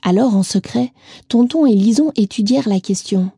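Female children's storyteller; mellow, higher voice, gentle and lively, faint music under. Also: moderate pace, breathy edge, no echo, studio quality. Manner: gentle, lively, speaks directly to a child listener.

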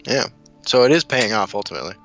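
A man's voice: lowish voice, big pitch swings, fast, a bit bright, lo-fi sound, soft background music. An American man co-hosting a casual chat, rambling and interrupting himself as he tells stories. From United States. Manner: rambling, self-interrupting storyteller. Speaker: co-host.

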